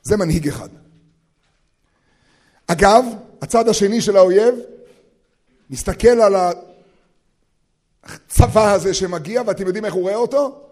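A high-pitched male teacher giving a Torah lesson to fellow educators. He talks in an animated way, fires off rhetorical questions and acts out quotes, dropping to a hush and then bursting loud. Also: long pauses. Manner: swings between loud and hushed.

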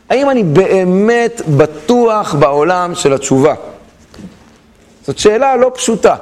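A man teaching a Torah class, telling stories and asking the listeners questions, with an Israeli Hebrew accent. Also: high-pitched. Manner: animated, asks questions to the class and acts out story voices. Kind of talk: lively Torah lesson with storytelling.

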